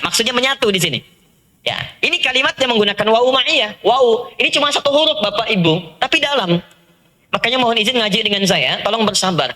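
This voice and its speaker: Animated, bright-voiced male preacher. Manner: animated, addressing the audience directly, sudden high-pitched emphasis. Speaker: Islamic preacher. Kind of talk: lively religious lecture.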